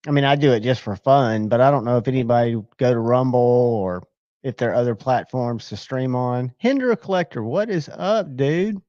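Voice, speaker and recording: Male streamer host, mid pitch, rambling casual chat, dull dry audio. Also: normal speed, warm tone, dry recording. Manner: rambling, talks to himself while checking screens. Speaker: livestream host.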